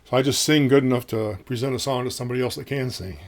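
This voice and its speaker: A man in his fifties reviews a guitar from a small home studio, talking in a casual, rambling, folksy way packed with ums and uhs. His voice is low and gravelly, and he speaks fast.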